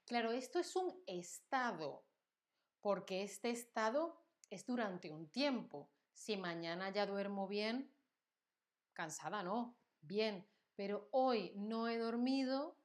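A woman's voice: medium pitch, lively intonation, takes it slowly. A woman from Spain with a Spanish accent, teaching a live-streamed language class with acted examples and frequent check-ins.

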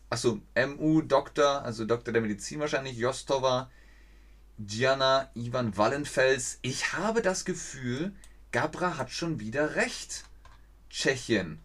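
A man's voice: mid-range voice, a bit bright. A young man streaming a geography guessing game, thinking aloud, reading viewers' chat and stumbling over foreign place names.

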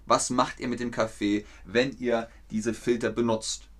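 Slow, clear male German teacher. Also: mid-range voice. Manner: slow, clear, repeats words for learners; lively, with quiz questions to viewers. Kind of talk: online German lesson.

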